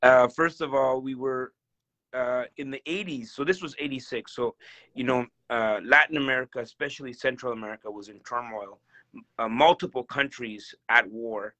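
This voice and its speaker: A man from El Salvador speaking over a video call. His voice is bright and forceful, cheerful, and he laughs often. He talks with plenty of fillers and restarts. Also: mid-range voice, moderate pace. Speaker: guest real estate investor. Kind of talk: casual video call interview.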